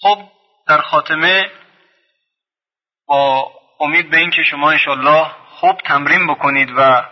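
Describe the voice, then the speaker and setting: A man teaching a recorded lesson on reading the Quran. He draws out each example word slowly, then explains briskly. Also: on the high side. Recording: dull lo-fi sound with long reverb.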